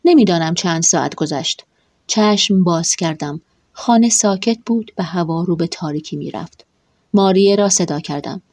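A woman reads a first-person story aloud, measured and emotional throughout. Her voice is husky, and the recording is dry and close, with no room sound. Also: on the low side, darkish tone, no room sound. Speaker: narrator. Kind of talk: first-person audiobook narration.

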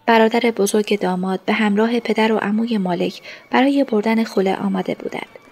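Woman narrator, first-person audiobook, soft and hushed. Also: mid-range voice.

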